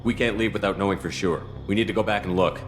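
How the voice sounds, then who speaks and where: A man playing a deep-voiced wary commander. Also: fast, natural voice. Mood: guarded. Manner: terse, guarded, questioning. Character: battle-hardened male commander, wary and direct. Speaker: military commander. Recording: game audio with music score.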